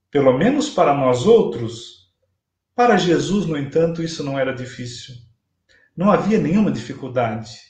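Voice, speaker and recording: A Brazilian man in his fifties delivers a religious lecture at an unhurried, deliberate pace, his voice sitting fairly high for a man. He retells the story with measured emphasis. The sound comes through a webcam in a small, roomy-sounding home room. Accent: Brazilian Portuguese. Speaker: spiritist lecturer. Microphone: webcam at desk distance, video call. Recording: echoey room via webcam.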